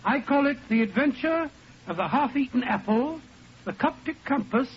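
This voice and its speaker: Older English gentleman doctor, high-pitched, genial storyteller, old radio play, faint hiss. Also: animated, moderate pace. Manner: avuncular, chatty, storytelling. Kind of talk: 1940s radio acting. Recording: muffled, hissy 1940s radio recording.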